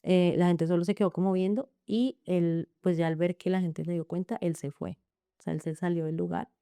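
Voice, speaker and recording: A woman's voice: on the low side, steady tone, fairly quick, mellow, clean tone, no room sound, studio quality. A woman with a Colombian accent earnestly recounting her own story in an interview, speaking in long run-on sentences and often quoting what others said. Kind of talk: emotional personal testimony in an interview.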